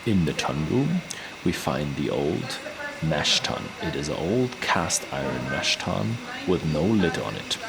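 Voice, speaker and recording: A man's voice: rumbling low, very animated, a little slow, gravelly. A man presenting a descriptive tour, recorded on location with noise around him. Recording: noisy location sound, background hum.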